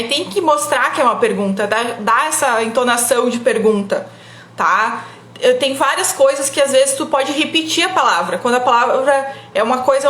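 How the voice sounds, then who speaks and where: A woman's voice: high voice, fairly bright tone, roomy sound, slight background noise. A young woman from giving casual public speaking advice on a live stream, chatty and full of "tá?" tag questions. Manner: chatty, frequent "tá?" tag questions, laughs often.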